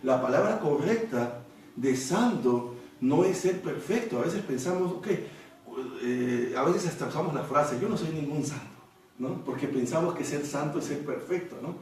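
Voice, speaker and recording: A man's voice: fairly high pitch, animated, moderate pace, a little mellow. A man preaching a Bible study sermon, explaining the text at length and often checking in with rhetorical questions. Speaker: pastor. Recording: echoey room, mic far off.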